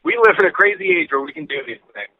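A man in his late twenties, talking through his cell phone on speakerphone as a podcast co-host in casual, rambling chat with halting restarts and casual swearing. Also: high voice, huge pitch swings, vocal fry, no echo, narrow, tinny audio. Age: late 20s. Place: in a car.

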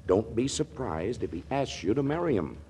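Scheming showbiz boss, husky, very animated pitch, hammy smooth talker for old-time comedy. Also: male voice, normal speed, heavily acted, poor audio. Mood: wheedling. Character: scheming, theatrical male talent boss, wheedling and gleeful.

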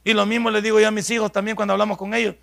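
This is a pastor in his fifties with a high, gravelly voice. His tone is bright and pointed. He preaches in a conversational way, asks rhetorical questions and acts out prayers and talks with his children. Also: little pitch movement, very fast. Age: 50s. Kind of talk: Bible study sermon.

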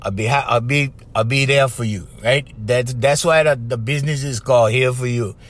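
A man's voice: medium pitch, normal speed. A man with a Hawaiian Pidgin accent giving an informal motivational talk as a life coach, conversational and often checking in with his listeners.

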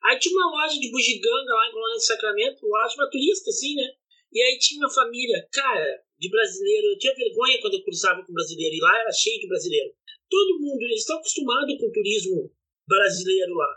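A podcast co-host telling travel stories in a casual, animated and indignant way, swearing along the way. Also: mid-range voice, fast, poor audio. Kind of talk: casual storytelling chat.

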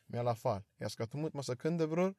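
Young man telling a lively story. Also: medium pitch, no room sound, studio quality. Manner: animated storytelling, acts out quotes, slangy street talk. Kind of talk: casual chat.

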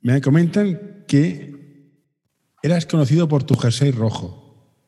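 A man's voice: fairly high pitch, slow, warm tone, breathy edge, long reverb tail. A man interviewing a guest, asking questions with brief friendly prompts.

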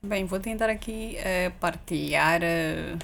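Low-pitched woman guest with a creaky voice. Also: takes it slowly, fairly bright tone, slight background noise. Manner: hesitant, explanatory, seeks agreement with tag questions. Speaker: interview guest. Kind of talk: casual reflective interview talk.

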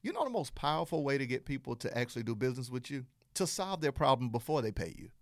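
Southern man, podcast host, animated and playful, very expressive pitch, dry close sound. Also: fast, no echo. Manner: animated and playful, acts out little dialogues. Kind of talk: energetic solo podcast teaching.

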